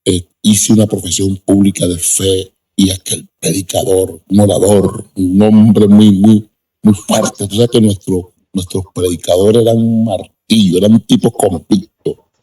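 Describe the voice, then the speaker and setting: A man's voice: deep voice, flat delivery, a little slow, mellow, slightly rough, low-quality recording. A man giving a personal testimony in an interview, emphatic and repeating words for stress. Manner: repetitive and emphatic. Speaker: interview guest.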